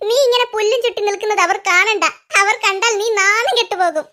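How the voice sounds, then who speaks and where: A mischievous cartoon boy teases his friend through constant giggles. His voice is extremely high and bright. The tone stays playful and mocking throughout. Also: fairly quick. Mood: teasing. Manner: teasing, giggly. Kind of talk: cartoon voice acting.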